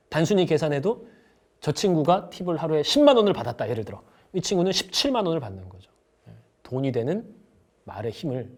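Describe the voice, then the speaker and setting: A man's voice: fairly high pitch, darkish tone. A middle-aged man giving an online sales lecture to hairdressers, acting out little dialogues as he teaches. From South Korea. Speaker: sales instructor.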